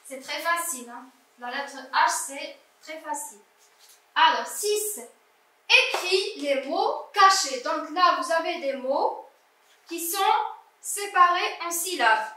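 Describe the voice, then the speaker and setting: A woman teaching a primary school class, correcting exercises slowly and sounding out each syllable. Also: high voice, lively intonation, pushed and bright, distant mic. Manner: slow, deliberate, sounding out syllables. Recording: echoey room, voice away from the mic.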